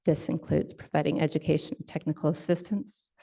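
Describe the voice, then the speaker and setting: This state housing enforcement staffer's voice is low-pitched and creaky, mellow with a breathy edge, and her tone stays level. Working from slides at a conference, she explains steadily, using fillers and correcting herself.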